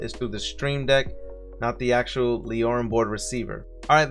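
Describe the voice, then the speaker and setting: A man with a Brooklyn accent hosting a casual software tutorial, friendly and walking viewers through each step. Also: mid-range voice. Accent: Brooklyn New York. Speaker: streaming tutorial host.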